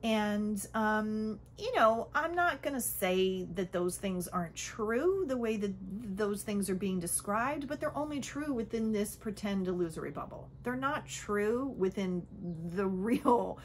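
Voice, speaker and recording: A woman speaking in a casual, teaching manner, her pitch sitting in a middle range. She keeps checking in with her listener and sometimes drops into a gentle whisper. A faint background noise hums beneath the recording. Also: expressive, measured pace, few pauses. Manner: conversational, frequent "okay?" and "right?" check-ins; drops to a soft whisper at times. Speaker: spiritual teacher. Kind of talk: casual spiritual teaching talk.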